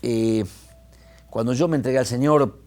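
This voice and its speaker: Brief: male pastor, lively sermon delivery, swings in pitch and pace. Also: normal speed, faint music behind. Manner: animated, retells scenes with quoted voices, restarts.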